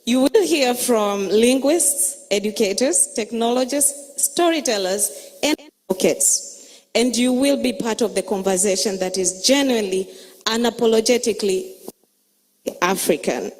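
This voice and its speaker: A woman from Tanzania, emceeing a conference with a measured, emphatic way of listing things. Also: fairly high pitch, a little mellow. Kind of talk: opening conference address. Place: conference hall. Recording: long reverb of a hall.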